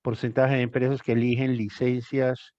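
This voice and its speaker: A man's voice: medium pitch, level tone, normal speed, a little mellow, dry recording. Older male tutor, emphatic and repetitive, dry lo-fi call audio. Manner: emphatic, repeats phrases for stress. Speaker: thesis tutor. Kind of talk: one-on-one tutoring session.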